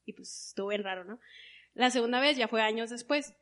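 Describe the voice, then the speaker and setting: Una mujer joven con acento mexicano cuenta de forma animada una historia personal en una entrevista e imita las voces de otras personas. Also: female voice, a little high, a little fast. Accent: Mexican Spanish. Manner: animated, acts out quoted voices. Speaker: guest. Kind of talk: personal storytelling.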